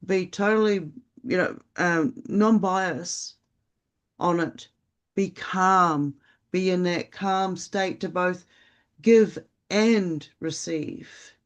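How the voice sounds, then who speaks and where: Speaking very slowly at a medium pitch, this co-host muses in a loose, rambling way on a casual spiritual podcast, filling gaps often. The recording's high frequencies are cut off.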